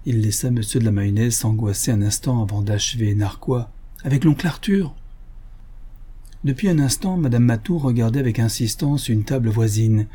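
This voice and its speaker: A man reads a classic novel aloud, his voice mellow and a little husky. He narrates at an even pace and lifts his pitch slightly whenever a character speaks. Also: brisk, hardly any pauses. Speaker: audiobook reader. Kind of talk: literary narration.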